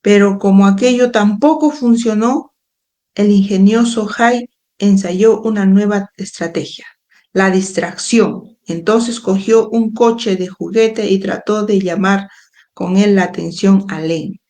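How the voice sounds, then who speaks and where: Woman reading a book out loud for her live club, slow and patient, keeps adding little explanations. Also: medium pitch. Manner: reads slowly, adds frequent explanatory asides. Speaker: educator and book club host. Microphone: phone or webcam livestream.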